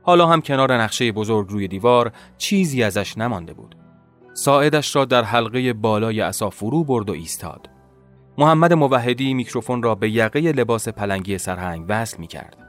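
Man narrating a story over soft music. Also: medium pitch, expressive. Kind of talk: first-person audiobook narration.

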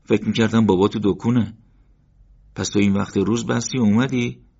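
A man's voice: mid-range voice, animated, vocal fry, voice pushed up. A man voicing a curious, eager teenage boy who keeps asking questions, in an audiobook. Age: teen. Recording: dull lo-fi recording.

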